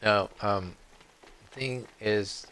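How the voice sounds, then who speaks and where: Slow, deep-voiced rambling man. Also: pushed and bright, slight background noise. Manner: meandering, digressive, frequent throat clearing. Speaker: streamer playing a game. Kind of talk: rambling live-stream commentary.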